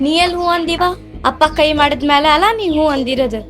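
A woman's voice: high-pitched, fast, a bit bright, soft background music. A young woman playing a schoolgirl daughter with a North Karnataka Kannada accent, pleading with her parents.

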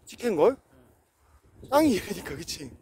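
A man's voice: high-pitched, big pitch swings, normal speed, warm tone, breathy edge. A man in his forties talking outdoors on a rocky hillside in a casual vlog, with a preachy manner and frequent affirmations. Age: 40s. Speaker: vlogger. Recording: noisy outdoor recording.

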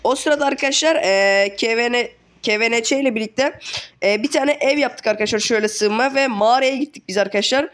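A man's voice: very high voice, fairly quick, a bit bright, clean tone. A man with a sick, worn voice giving casual let's play commentary, chatty and casually swearing as he keeps talking to his viewers. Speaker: gaming channel host.

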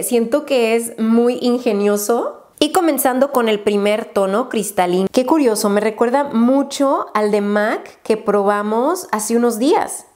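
A woman's voice: fairly high pitch, darkish tone. A woman, a beauty YouTuber talking chattily and gushing through a casual unboxing haul, dropping English exclamations.

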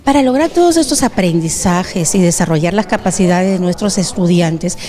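A middle-aged woman with a Peruvian Spanish accent, interviewed in a school room with a handheld mic, speaking earnestly with pauses. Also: on the low side, lively intonation, dark tone, soft background music. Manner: earnest, slow, with fillers. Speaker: school director. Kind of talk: on-camera interview. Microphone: handheld station mic.

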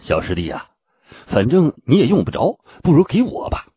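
A man voicing a flattering middle-aged male sect leader who whines and wheedles, in a dull, dry recording. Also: mid-range voice, normal speed, husky, no echo, pitched above the performer's own voice, exaggerated voice. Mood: wheedling. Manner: whining, wheedling.

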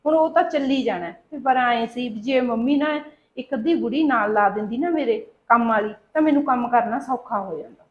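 A woman acting out a hardworking young daughter-in-law who asks politely and pleads. Her voice is high. The sound is dull and lo-fi, like a home video. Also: fairly quick, close to an everyday voice. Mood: calm. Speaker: daughter-in-law in a family short film. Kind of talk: amateur family drama acting.

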